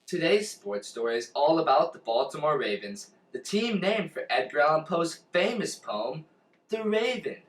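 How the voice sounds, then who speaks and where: A man playing a gloomy, punning poet who reads sports news in a deadpan way. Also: fairly high pitch, normal speed. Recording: echoey room, off-mic.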